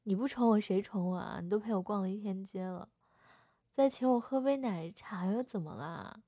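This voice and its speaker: A woman's voice: mid-range voice, normal speed, dark tone, no room sound, natural voice. A young woman voicing a playful older sister in a second-person audio role-play, whining and teasing coquettishly. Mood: wheedling.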